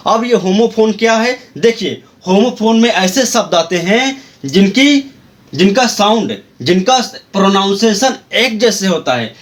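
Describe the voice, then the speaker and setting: A man teaching an English grammar lesson, explaining each point slowly, spelling words out letter by letter and repeating himself. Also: high-pitched.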